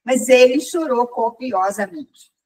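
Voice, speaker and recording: A woman with a high voice tells a personal story in a relaxed, chatty way. She acts out what the people in it said as she goes. Her voice sounds a little distant from the microphone. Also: takes it slowly. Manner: animated storytelling, acting out quoted lines. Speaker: group member sharing a story. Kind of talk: casual spoken testimony.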